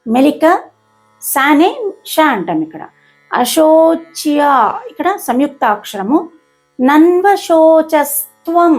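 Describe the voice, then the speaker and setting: A woman hosting a lesson, explaining verse pronunciation slowly and carefully, syllable by syllable, with English words mixed in. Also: high-pitched. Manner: mixes English words into the talk. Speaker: host and Gita teacher.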